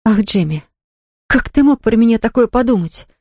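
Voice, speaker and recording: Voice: medium pitch, animated, moderate pace, a little mellow, slight background noise, pitched above the performer's own voice, close to an everyday voice. A reader voicing a distraught young woman who pleads through tears. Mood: pleading. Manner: pleading, tearful outbursts.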